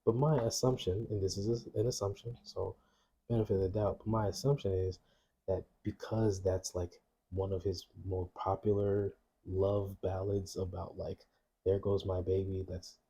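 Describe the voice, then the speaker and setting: A man's voice: sits low, flat delivery, normal speed, dark tone, breathy edge. A man co-hosting a casual home podcast chat at night, explaining things in a laid-back, hedging way. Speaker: podcast co-host. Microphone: podcast mics.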